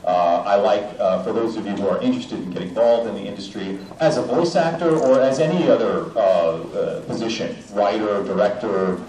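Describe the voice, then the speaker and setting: This voice actor fields fan questions on a convention panel, joking and chatty with many fillers, speaking briskly and hardly pausing in a voice on the low side. A handheld mic runs into the hall's speaker system, where clipping adds fuzz distortion. Captured from far away in the large, echoey room with its crowd, the sound carries a little hiss or hum.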